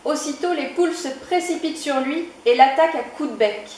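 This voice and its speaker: Slow soft lady reading a kids' book, big echo, faint hum behind. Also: sits high. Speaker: librarian reading to children. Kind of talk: children's storybook reading. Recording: echoey room.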